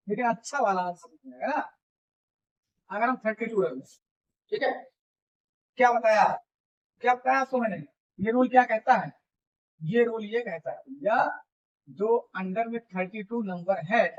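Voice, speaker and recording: High-voiced male math teacher, lo-fi. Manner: repeats points and checks understanding often; informal, calls students buddy and brother. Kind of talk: classroom video lecture.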